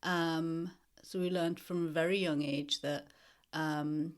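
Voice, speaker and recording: Speaking in a low-sitting, steady tone, this northeast English lecturer in her fifties answers interview questions. Her delivery is measured and reflective, broken up by many pauses.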